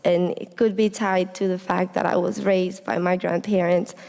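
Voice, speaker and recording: In an indoor hall full of long reverb, a young adult woman from Honduras delivers a personal speech to an audience as a student speaker, reflective and earnest. Her voice is fairly low, gravelly and dark, with little pitch movement and a moderate pace.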